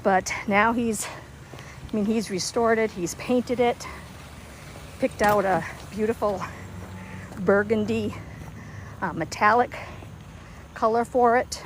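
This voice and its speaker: A woman's voice: mid-range voice, slow, long pauses, a little hiss or hum, rough recording. Chatty winded woman walking outside. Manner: rambling, chatty, laughs easily. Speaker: livestream host. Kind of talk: casual livestream chat. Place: outdoors, walking.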